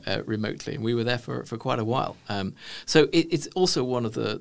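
A middle-aged man answering interview questions as a consultant guest, talking in an animated, emphatic way and often restarting his phrases. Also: mid-range voice, gravelly.

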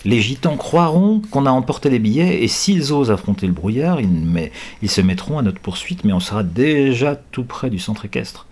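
A man's voice: mid-range voice, expressive, normal speed, hardly any pauses, darkish tone, voice pushed up, close to an everyday voice. A man doing an eager young boy. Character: excitable boy, quick and cheerful.

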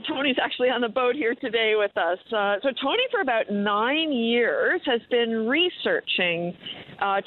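A woman guest in a radio interview, calling in remotely and explaining things in a measured way as an expert. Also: on the high side. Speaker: expert guest, explorer and diver. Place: on a dive boat, remote call. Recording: tinny, narrow phone line.

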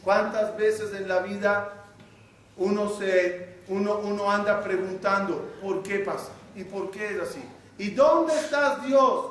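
A man, a rabbi, telling a story in a sermon, acting out the dialogue with lively energy. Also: high voice, a little slow. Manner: animated storytelling, acts out dialogue. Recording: echoey room from a distant mic, faint noise.

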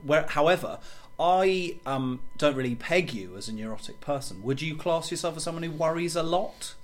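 A man's voice: fairly high pitch, animated, normal speed. Rambling, jokey man hosting. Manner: jokey, rambling, self-deprecating. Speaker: podcast co-host. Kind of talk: casual podcast chat.

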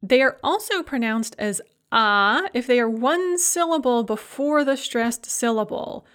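A woman's voice: a little high, expressive, a little slow, fairly bright tone. A woman teaching a pronunciation lesson, explaining rules step by step and carefully sounding out example words. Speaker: language teacher.

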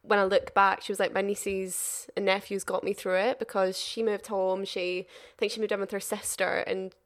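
A woman's voice: mid-range voice, level tone, normal speed. A young woman hosting a podcast, talking casually and reflectively, often agreeing with her guest. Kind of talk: casual chat.

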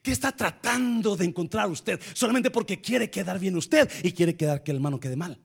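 A man preaching a sermon as pastor, swinging from quiet asides to shouted preaching and slipping in English words. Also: sits high, expressive, moderate pace, gravelly, slightly rough. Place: church.

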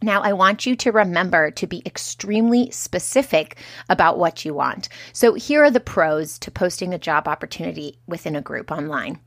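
A woman's voice: on the low side, animated, normal speed, hardly any pauses, fairly bright tone, no room sound, clean studio sound. A woman hosting an advice podcast, speaking in an upbeat, tidy, step-by-step way like a coach. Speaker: podcast host and business coach.

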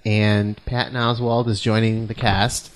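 A man's voice: on the low side, flat delivery, a little slow. A man with a New England accent hosting a casual podcast, running through news items for his co-hosts. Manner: runs the segments, reads out news items. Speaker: podcast host. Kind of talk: casual panel chat.

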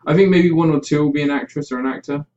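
A man's voice: on the high side, fast, a little mellow, slight background noise. A man co-hosting a podcast, chatting casually and ranting with opinions, swearing freely. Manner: ranting, sweary, mimics others in mock quotes. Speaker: podcast host. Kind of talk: casual opinionated film chat. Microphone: webcam about five feet away. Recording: dull webcam mic from distance.

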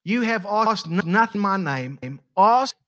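South African male pastor, high-pitched, stumbling repetitions in his preaching, muffled recording. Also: expressive, a bit bright. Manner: halting, repeats words often. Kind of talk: sermon. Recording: dull lo-fi sound.

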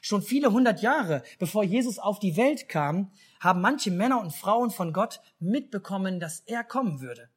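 A man with a German accent telling a children's Christmas story in a church service, speaking lively and asking the children questions. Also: sits high, normal speed, hardly any pauses, husky. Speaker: pastor.

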